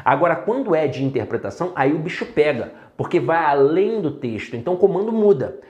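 Lively Brazilian man teaching in an echoey room. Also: fairly high pitch, a little fast, lo-fi sound. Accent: Brazilian Portuguese. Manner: lively, talks straight to students with rhetorical questions. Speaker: Portuguese teacher for exam prep. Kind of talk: exam-prep video lesson.

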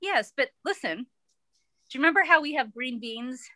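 A woman's voice: high-pitched, lively intonation, normal speed, pushed and bright, no room sound. A woman with an American accent chatting casually, playful and giggly, asking curious questions. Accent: American English. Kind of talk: casual chat.

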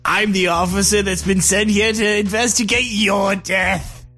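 A man voicing a pushy, dramatic male police officer whose voice lurches from a low growl to high shouts. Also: steady tone, a little slow, faint music behind, exaggerated voice. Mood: stern.

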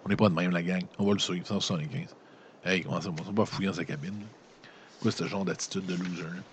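A man with a Quebec French accent and a very deep, low voice reads an adventure gamebook aloud. He keeps stopping to toss in loose, slangy jokes to his listeners before picking the narration back up. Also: steady tone, quick pace, slight background noise. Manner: breaks off narration with joking, slangy asides. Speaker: gamebook reader and player. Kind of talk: reading a gamebook aloud with casual commentary.

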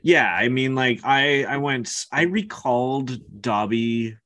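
A man's voice: mid-range voice, slow pace, pushed and bright. A man co-hosting a podcast, talking casually and a little hesitantly as he explains his thoughts on a book. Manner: thoughtful, hedging, explains things. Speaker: podcast co-host.

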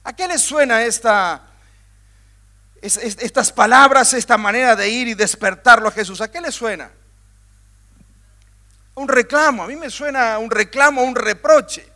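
High-voiced, bright preacher man. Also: unhurried, pauses often. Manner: emphatic, building repetition; addresses listeners directly. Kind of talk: sermon.

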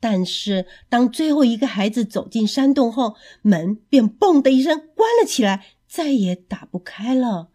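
Animated woman telling a children's story. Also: fairly high pitch, moderate pace, hardly any pauses. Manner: expressive, animated.

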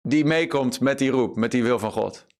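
A man's voice: medium pitch, normal speed. Earnest preacher man with many fillers. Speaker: pastor. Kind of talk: online sermon broadcast.

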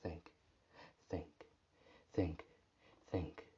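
A man voicing a confused, desperate lost man who talks to himself and breaks into shouting. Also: sits low, normal speed, slightly rough, dull audio. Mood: muttering.

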